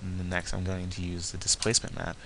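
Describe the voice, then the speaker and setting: Low, monotone man giving a software tutorial. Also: vocal fry, slight background noise. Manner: halting, talks through each step as he does it. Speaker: tutorial presenter. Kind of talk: step-by-step software tutorial narration.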